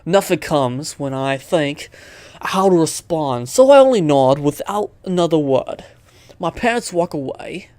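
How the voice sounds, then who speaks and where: Reading a visual novel aloud as gaming commentary, a let's player trips over lines and keeps veering into rambling tangents. The mid-range voice is animated, unhurried and slightly mellow, captured in a dry recording.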